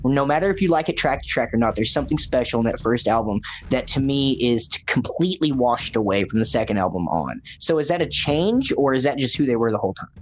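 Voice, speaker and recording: A man's voice: mid-range voice, animated, quick pace, hardly any pauses, a little hiss or hum. Argumentative man in casual chat. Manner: argumentative, swearing. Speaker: podcast co-host.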